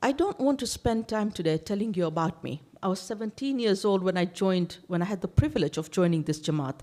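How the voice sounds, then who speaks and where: A woman's voice: mid-range voice, animated, brisk, dark tone. A woman who grew up in Tanzania, an election candidate giving an emphatic campaign speech to a seniors' gathering in a community hall, stacking up lists and repeating words to stress her points.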